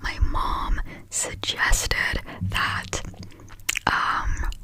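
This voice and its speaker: A young woman from Finland whispering a fast, scattered, casual ASMR ramble with breathy delivery and frequent hesitations while chewing gum. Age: young adult, about 18. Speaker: ASMR creator.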